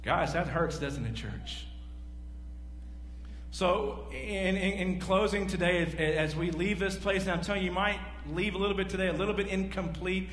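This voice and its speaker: In a high-sitting voice at a moderate pace, a forties-aged pastor preaches a sermon and quizzes his congregation. He strides about a large church stage, animated and gesturing. An echoey hall with a faint hum.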